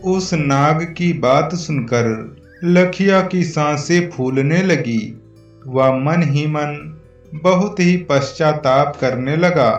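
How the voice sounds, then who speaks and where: A man narrating a cartoon story in a measured, plain storytelling manner. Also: a little high, highs cut off. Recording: echoey, distant, music under.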